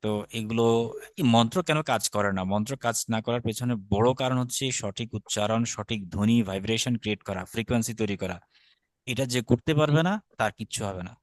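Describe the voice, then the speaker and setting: A man's voice: on the low side, quick pace, no room sound. Patient teacher, man. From Bangladesh. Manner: patient, repeats and demonstrates each stroke. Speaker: Sanskrit teacher. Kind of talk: step-by-step script lesson.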